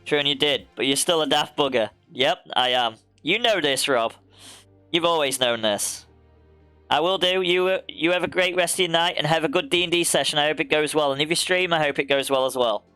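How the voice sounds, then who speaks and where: Soft music plays behind a young man whose fairly high, sharp voice is smooth and brisk, with no room sound. He's streaming a racing game in casual chat, laughing often and speaking to viewers by name.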